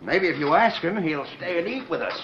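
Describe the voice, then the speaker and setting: A man's voice: on the high side, sing-song, a little fast, noisy background. An actor playing a secretive, tense middle-aged father who speaks curtly, in 1940s radio acting on a dull old broadcast recording. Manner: tense, curt.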